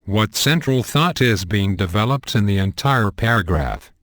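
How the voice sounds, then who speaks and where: Low-voiced man reading a lesson. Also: expressive, a bit bright, no echo, clean studio sound. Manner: measured, deliberate, earnest reading. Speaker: narrator. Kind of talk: scripted instructional narration.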